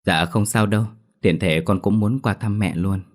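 A man's voice: fairly low pitch, moderate pace, natural voice. A man voicing a polite young daughter-in-law. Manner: polite, gentle.

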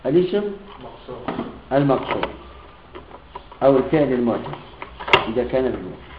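A man teaching a classroom grammar lesson who often checks that his students follow and repeats example phrases slowly. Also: medium pitch, expressive, very noisy. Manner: keeps checking students' understanding with questions. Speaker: Islamic teacher. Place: room with students present. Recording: echoey, tinny lo-fi recording.

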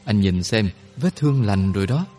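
Man playing a serene old healer, low and mellow, unhurried, gentle teaching tone, audiobook. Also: lively intonation, soft background music. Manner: slow, gentle, instructive. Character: calm, wise older male healer.

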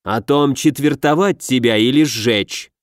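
A man voicing a furious dog-headed senior legate who speaks in slow, low, growling threats. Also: no echo, clean studio sound, lightly acted. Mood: menacing.

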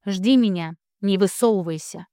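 A woman's voice: mid-range voice, moderate pace, warm tone, no room sound, studio quality, natural voice. A woman reading an angry, protective man. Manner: angry, commanding. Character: furious, protective man on the phone.

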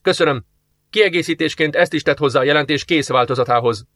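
A man's voice: a little high, a bit bright, dry recording, clean studio sound, natural voice. A man playing a male deputy commander who gives terse, commanding orders. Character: eager male deputy commander investigating a murder.

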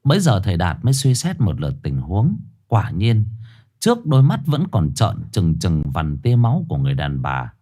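A man tells a ghost story in a low voice, his pitch rising and falling with lots of life. His delivery is colloquial and vivid, the way a storyteller spins a yarn. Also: mellow.

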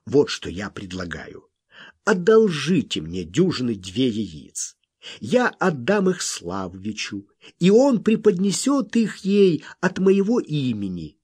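A man's voice: medium pitch, wildly swooping pitch, slow, darkish tone, husky, full character voice. A man voicing a hot-tempered, lovesick gold miner who blusters and pleads. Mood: pleading.

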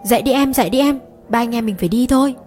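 A woman's voice: on the high side, racing, music in the background, pitched above the performer's own voice, lightly acted. A woman voicing an older brother who urgently wakes his younger siblings to flee. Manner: urgent, pressing.

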